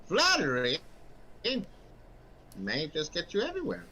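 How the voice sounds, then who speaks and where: A man voicing a flattering, scheming merchant in a tabletop game, with the oily, theatrical manner of a mustache-twirling villain. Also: a little high, a little slow, vocal fry, exaggerated voice. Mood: smooth, wheedling. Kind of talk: tabletop role-play character acting. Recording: faint background noise, room ambience.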